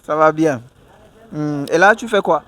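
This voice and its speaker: A man hosting a casual outdoor interview at a food stall, speaking in a lively, upbeat way. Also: a little high, a little slow, slight background noise. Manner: lively and upbeat, laughs easily. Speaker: interviewer and show host.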